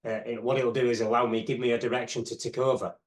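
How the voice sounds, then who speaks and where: This is a man in his fifties, a fitness expert appearing as a guest in an interview. He speaks in a reflective, unhurried way and often drifts into "you know" as he thinks aloud. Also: medium pitch, little pitch movement, a little hiss or hum. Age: 50s. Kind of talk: casual interview chat.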